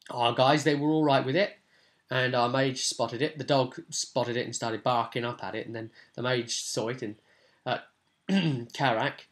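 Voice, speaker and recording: Fairly bright in tone and medium in pitch, this British man rambles colloquially as he gives unscripted, casual commentary while running a tabletop role-playing game.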